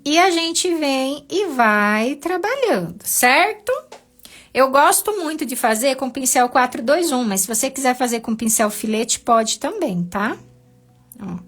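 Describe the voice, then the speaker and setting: A woman's voice: sits high, animated, measured pace, a bit bright. A woman teaching a live painting class, patient and encouraging, walking her students through each step.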